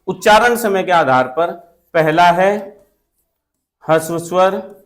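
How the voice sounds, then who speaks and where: A man with a fairly high voice teaches grammar for a competitive exam. He repeats key points, poses questions and answers them at once, and keeps checking in with the class. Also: slow pace. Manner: repetitive, asks questions and answers them himself, often checks with "theek hai na". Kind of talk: exam-prep classroom lesson.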